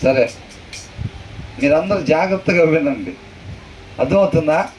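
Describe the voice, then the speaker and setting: A pastor teaches scripture to a gathered class, stopping often to quiz his listeners and repeating verses slowly. His voice sits high. He is picked up from a distance with faint noise behind. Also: animated, a little mellow. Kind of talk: conversational sermon with questions to the room. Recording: far from the mic, faint noise.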